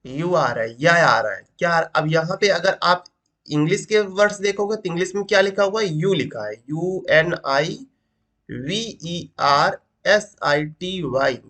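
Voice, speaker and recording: High, bright male teacher. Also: a little fast. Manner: asks rhetorical questions, repeats points, says "ठीक" often. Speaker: English teacher. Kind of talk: classroom lesson explanation.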